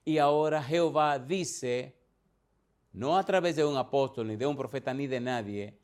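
A man preaching a sermon, reading scripture and explaining it in a slow, deliberate way. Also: mid-range voice, a little mellow.

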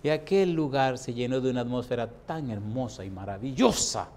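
A male pastor telling a story from the pulpit, going from soft asides to loud, forceful quoted speech. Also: mid-range voice, fairly quick. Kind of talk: dramatic preaching, storytelling.

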